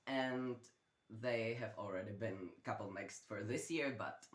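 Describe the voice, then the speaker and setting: A chatty young Czech man, a native Czech speaker, rambles through a casual book vlog with many fillers. His fairly low voice moves at a measured pace, and the very noisy recording carries a roomy bedroom echo.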